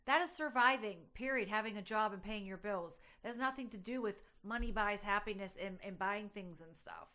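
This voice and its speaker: A woman's voice: medium pitch, a little fast, few pauses, bright, forceful tone. A woman co-hosting a podcast in casual chat, arguing bluntly and sounding exasperated. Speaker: podcast co-host.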